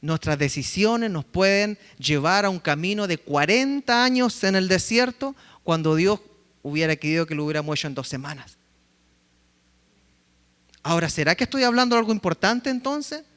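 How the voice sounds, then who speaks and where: A man preaching a sermon as pastor, telling stories with lively acted-out quotes. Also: high-pitched, moderate pace, clear, resonant tone, in a large hall. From Chile. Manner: lively storytelling, acting out quotes. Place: church sanctuary.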